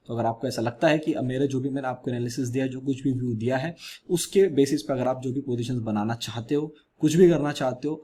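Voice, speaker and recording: A man with an Indian English accent hosts a weekly market analysis in Hindi, mixing in English phrases and explaining things in a measured way. His voice is medium-pitched and husky. Because of an ear injury he speaks softly into a close mic with the gain raised.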